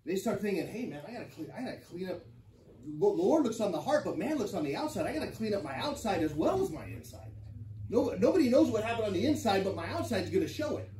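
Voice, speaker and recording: A man's voice: high-pitched, sing-song, fast talker, dark tone, slight background noise. Man teaching a church class, from afar. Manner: personal storytelling with many fillers and restarts. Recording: echoey room, mic from far off.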